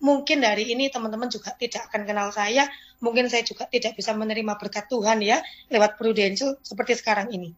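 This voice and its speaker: A woman gives a motivational testimony to fellow insurance agents in a chatty, conversational way. Her voice sits somewhat high. She keeps turning to address her listeners directly. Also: fairly even intonation, fast. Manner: chatty, addresses audience often.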